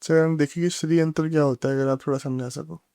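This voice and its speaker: A man hosting a podcast interview, asking questions in a soft-spoken way and often giving short acknowledgements. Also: a little high, fairly even intonation, fast, clear, resonant tone, dry recording, studio quality. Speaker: podcast host.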